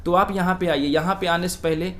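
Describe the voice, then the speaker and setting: A man's voice: sits high, fairly even intonation, fairly quick, a bit bright. Earnest young man with faint background noise. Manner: earnest, advice-giving, addresses interviewer as sir. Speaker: exam aspirant being interviewed. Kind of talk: casual interview answers.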